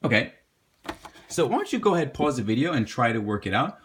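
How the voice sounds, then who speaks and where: A man teaching a homework help lesson, patiently walking viewers through a math problem and encouraging them to pause and work along. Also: mid-range voice, sing-song, a little hiss or hum.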